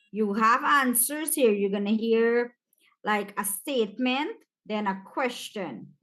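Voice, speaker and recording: A woman teacher with a Caribbean accent, walking students through an exam paper in a relaxed, chatty way and speaking to them directly. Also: mid-range voice. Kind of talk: exam practice walkthrough.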